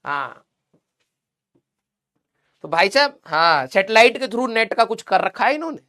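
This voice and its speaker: Bright-voiced joking physics teacher. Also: male voice, high voice, very animated, a little slow. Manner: joking, chatty, teasing students. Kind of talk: casual live class lecture.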